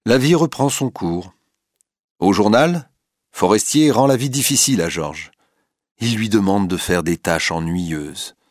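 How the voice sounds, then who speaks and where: A man narrating a story in an expressive, dramatic reading style. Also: lowish voice, measured pace, no room sound, clean studio sound.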